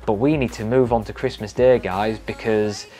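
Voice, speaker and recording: A man's voice: lowish voice, fairly even intonation, moderate pace, dark tone, soft background music. A young British man casually reviewing gear to camera in a small room at home. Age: young adult. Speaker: trail running vlogger.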